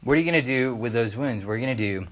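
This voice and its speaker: A man's voice: mid-range voice, lively intonation, racing, a bit bright. Guy giving a chatty sermon, lots of uhs, asks the room questions. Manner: conversational, with frequent "uh" fillers and rhetorical questions. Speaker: pastor.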